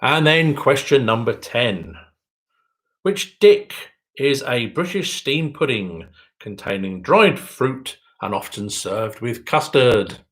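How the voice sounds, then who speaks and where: The audio is rough, but this quiz host's voice comes through medium-pitched and fairly bright, with lively intonation. He reads questions and answers with dry wit, his sing-song tone climbing on every question as he repeats it slowly and adds wry jokes.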